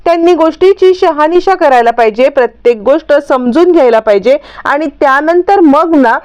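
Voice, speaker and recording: A woman narrating a lively retelling of a TV serial episode. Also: sits high, normal speed, highs cut off. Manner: lively storytelling.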